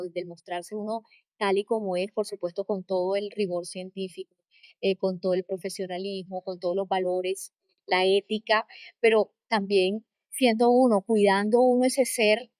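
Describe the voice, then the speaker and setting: A woman with a coastal Colombian accent answering in an interview, emphatic and expressive, building her points in repeated phrases. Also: medium pitch, no echo. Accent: coastal Colombian (costeño). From Caribbean coast of Colombia. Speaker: interview guest, corporate trainer and coach. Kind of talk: conversational interview answers with anecdotes.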